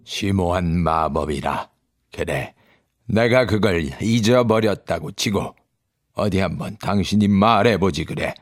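A man playing a grave, noble lion king. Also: sits low. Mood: calm. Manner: slow, grave, calm.

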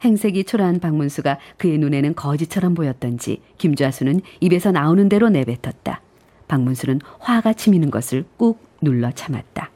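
A woman's voice: deep voice, lively intonation, a little fast, dark tone. A woman hosting a live radio show, reading out listener messages and narrating a story.

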